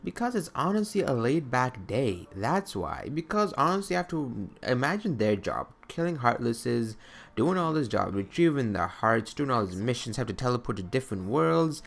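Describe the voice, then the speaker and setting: A young video creator counts down his favourite games in a casual, rambling commentary, often asking himself questions. His mid-range voice swings widely in pitch, with vocal fry, at a moderate pace.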